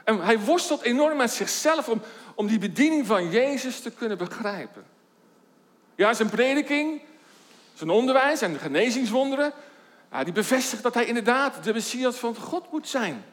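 A man with a high-pitched voice delivers a sermon, working through scripture in a measured, deliberate way and posing question after question. His voice carries a long reverb, as in a church hall. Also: animated, a bit bright. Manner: measured Bible exposition with rhetorical questions. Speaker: preacher.

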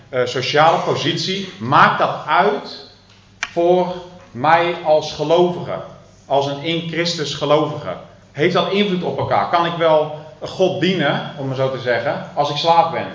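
A man giving a sermon in Dutch, explaining a Bible passage in a teaching manner, with frequent hesitations and slow, stressed emphasis on key phrases. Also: mid-range voice, a bit bright. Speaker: preacher. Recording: echoey room, muffled lo-fi sound.

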